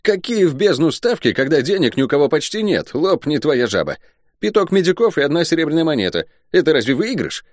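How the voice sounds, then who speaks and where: A man voicing a boisterous, cheeky male soldier and gambler who talks in loud, excitable exclamations. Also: fairly high pitch, brisk, no room sound, clean studio sound, pitched above the performer's own voice. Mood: indignant.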